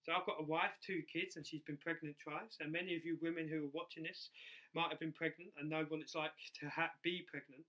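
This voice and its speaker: Male preacher, bright forceful tone, slightly high pitch, says R like W, drives points home by repetition. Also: little pitch movement, fairly quick, rough recording. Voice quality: soft R's pronounced close to W. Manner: repeats key phrases for emphasis. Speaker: preacher in ministry. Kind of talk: sermon.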